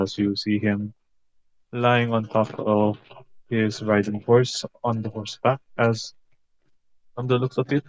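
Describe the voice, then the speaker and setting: A man playing a tabletop game, describing his character in halting narration. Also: on the low side, no room sound, rough recording. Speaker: player.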